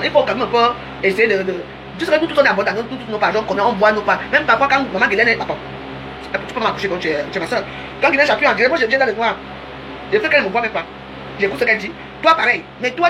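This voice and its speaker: A woman in her fifties rattles off a chatty, teasing live-stream rant at a brisk clip, calling out viewers by name. Her voice sits at an ordinary middle pitch. The audio is noisy, with a steady hiss underneath her words. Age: 50s. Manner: chatty, rambling, teasing, addresses viewers directly. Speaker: social media live streamer.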